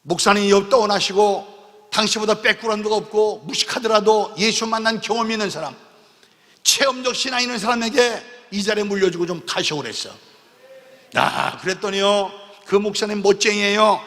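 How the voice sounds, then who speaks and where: Pastor, male, high bright voice, emotional revival storyteller; long church-hall reverb. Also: fairly quick. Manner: emotional, often tags lines with a questioning "eh?"; acts out dialogue voices while telling stories. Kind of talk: revival sermon with dramatic storytelling. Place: large church sanctuary at a revival meeting.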